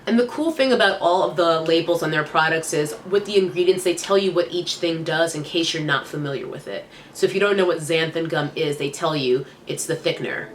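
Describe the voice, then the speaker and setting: Sitting low in pitch, a young beauty vlogger rattles through hair product reviews fairly fast, barely pausing, in a chatty, upbeat tone. She sounds nasal and stuffed up from a cold, speaking from a small room with a faint hiss or hum.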